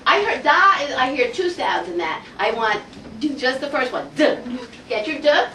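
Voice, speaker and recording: High-voiced woman teaching a classroom lesson. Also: moderate pace, slight background noise. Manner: energetic, coaxing, asks the class many questions. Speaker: Hebrew teacher. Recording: roomy classroom audio from far off.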